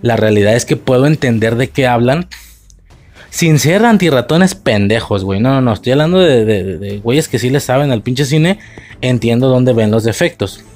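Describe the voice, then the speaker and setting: A man's voice: mid-range voice, animated, normal speed, darkish tone. A man with a Mexican accent ranting sarcastically and profanely in a casual video review, with faint music behind.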